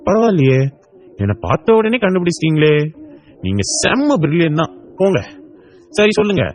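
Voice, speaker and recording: A man voicing a kind adult who gently coaxes and comforts a crying child, for an audiobook. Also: sits high, wildly swooping pitch, a little fast. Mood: coaxing. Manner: gentle, coaxing, affectionate. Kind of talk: audiobook character voice.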